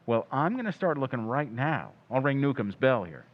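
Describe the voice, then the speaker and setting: A man's voice: mid-range voice, very animated, moderate pace, dull audio, very noisy, natural voice. A man playing a confident, probing crime photographer sleuth in an old-time radio drama. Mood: confident, musing.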